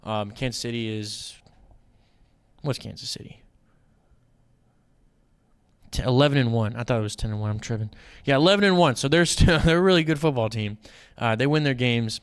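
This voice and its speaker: A man hosting a casual fantasy football stream, chatty and animated, rambling with playful asides. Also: medium pitch, normal speed, pauses often, smooth. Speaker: fantasy football show host. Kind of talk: casual livestream commentary.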